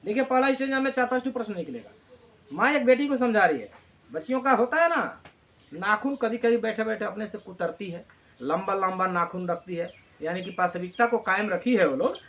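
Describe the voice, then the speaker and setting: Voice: medium pitch, animated, a little fast, fairly bright tone. Teacher voice for a class lesson, emphatic and repetitive, quizzes the class and then answers. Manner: mixes Hindi with read-out English lines; emphatic, repeats key lines. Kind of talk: classroom poem explanation.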